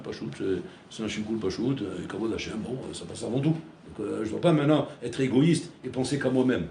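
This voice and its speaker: A male rabbi teaching in a loose, conversational way, often repeating himself and mixing in Hebrew words as he acts out everyday scenes. His voice sits at a middle pitch. The recording is roomy and echoey, with a faint hum of ambience behind. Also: darkish tone. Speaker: rabbi giving a Torah class. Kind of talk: sermon.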